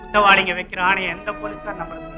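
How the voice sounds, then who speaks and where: A man's voice: high voice, fairly even intonation, fast talker, natural voice. An actor playing a stern middle-aged policeman father in a 1960s film melodrama, severe and commanding, on a dull old soundtrack with faint music. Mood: stern, angry. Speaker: police constable.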